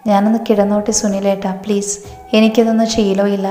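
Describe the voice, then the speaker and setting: A frightened young wife, soft and pleading, as a woman narrator puts her on. The voice stays flat in pitch and carries a roomy echo with faint background music. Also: brisk, natural voice. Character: frightened young bride, timid and defiant. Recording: echoey room, faint music.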